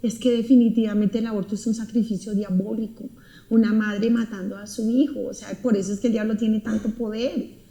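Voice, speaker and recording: A woman's voice: a little high, fairly even intonation, fairly quick, mellow. A woman giving an emotional personal testimony, talking earnestly and intensely and repeating her words. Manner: earnest, intense storytelling with repetitions. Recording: roomy echo.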